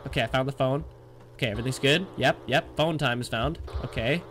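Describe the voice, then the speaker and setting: A man's voice: mid-range voice, a little fast, fairly bright tone, slight background noise. A young man narrating a horror game to his audience, jumpy and swearing, talking to himself and yelping in fright. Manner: jumpy, swearing, talks to himself, panicky yelps. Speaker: gaming YouTuber. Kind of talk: horror game let's play commentary.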